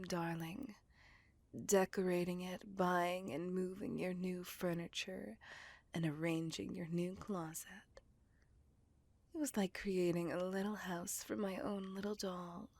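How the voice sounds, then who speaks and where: In a dry recording, a woman with a lowish voice performs an intimate ASMR roleplay as a female vampire centuries old. Her soft, breathy whisper coaxes the listener, sounding possessive, doting, and teasing.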